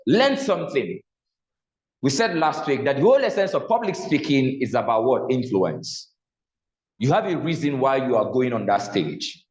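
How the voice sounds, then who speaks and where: This Nigerian public speaking instructor lectures in a classroom, putting questions to the class and then supplying the answers himself. He speaks at normal speed in a medium-pitched, sing-song, slightly mellow voice. The room echoes and the sound is a little dull.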